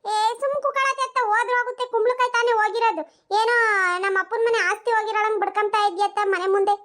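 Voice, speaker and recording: A performer doing a squeaky sassy young daughter-in-law. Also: fairly even intonation, fast, a bit bright. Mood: dismissive. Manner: cheeky and dismissive. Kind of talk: cartoon voice acting.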